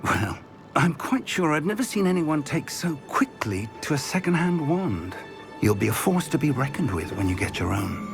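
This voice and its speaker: Kindly older British professor of magic, courteous, dryly witty game mentor with lively intonation, music underneath. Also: male voice, fairly high pitch, moderate pace, vocal fry. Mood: warm, encouraging. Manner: courteous, articulate, formal. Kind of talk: video game voice acting.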